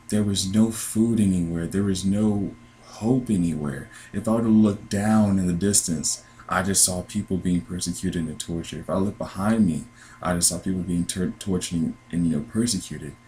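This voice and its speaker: Twenties American man, low pitch, earnest halting testimony. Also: a little mellow, poor audio. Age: 20s. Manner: earnest, halting, with many restarts. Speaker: dream sharer. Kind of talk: personal testimony.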